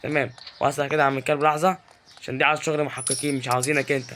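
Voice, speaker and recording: Talking very fast in a mid-range voice, with slight background noise, this man is a gaming YouTuber with an Egyptian Arabic accent. He provides excitable, teasing live commentary as he plays and yells at the game's characters.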